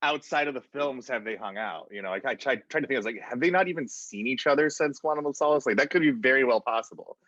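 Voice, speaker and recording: A man co-hosting a casual film chat, opinionated and halting, with many fillers. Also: mid-range voice, a bit bright, no room sound. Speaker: podcast co-host. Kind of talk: casual chat about films. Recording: dry, dull lo-fi audio.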